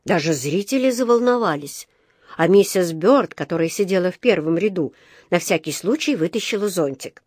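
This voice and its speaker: A woman narrating a children's story in a clear, even storytelling manner. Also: on the low side, normal speed, no room sound, clean studio sound.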